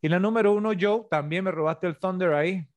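This middle-aged podcast co-host talks films casually, wandering off on tangents and ending lines with tag questions. He speaks a little fast in a high-sitting voice, recorded dry.

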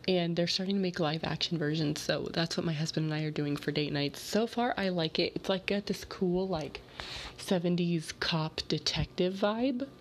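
A woman hosting a casual solo storytelling podcast in an informal, rambling, slangy way, a little sick, with vocal fry in her voice. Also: low voice, fairly quick, few pauses, a little hiss or hum. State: slightly sick. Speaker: podcast host.

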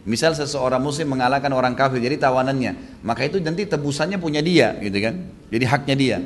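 A man preaching a sermon in a casual storytelling way, acting out the quoted lines with a raised voice and dropping back after each. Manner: lively, acts out quoted lines with raised pitch; casual with frequent tag phrases. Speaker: Islamic preacher.

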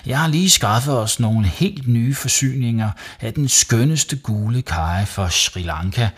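A man's voice: medium pitch, lively intonation, breathy edge, voice pushed up. A man reading a storybook and voicing a good-humoured father who boasts about a dinner. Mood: jovial. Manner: jovial, boastful.

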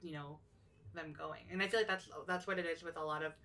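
Soft-voiced young woman, a bit off-mic. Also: low-pitched, fairly even intonation, fast talker, recorded from a distance. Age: young adult. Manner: thoughtful, many fillers and restarts. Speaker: podcast co-host. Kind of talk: casual podcast chat.

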